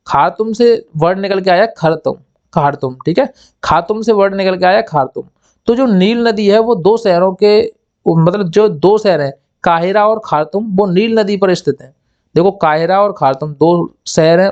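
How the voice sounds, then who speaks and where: A man's voice: sits high, normal speed, darkish tone, lo-fi sound. A man teaching memory tricks for exams, repeating key words and asking and answering his own questions. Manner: acts out little scenes in quoted voices. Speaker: exam coaching teacher.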